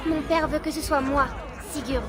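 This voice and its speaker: Woman as a high-voiced earnest Viking child. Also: steady tone, moderate pace, crowd noise, natural voice. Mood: shy, firm. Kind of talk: dramatic video game acting. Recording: music behind.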